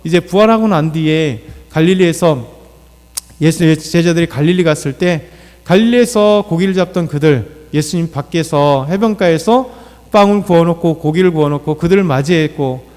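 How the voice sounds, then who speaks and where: Korean pastor preaching in a reverberant church. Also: male voice, fairly high pitch, normal speed, a little mellow. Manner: unscripted preaching with fillers, acts out quoted lines. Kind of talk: dawn prayer sermon. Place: church sanctuary.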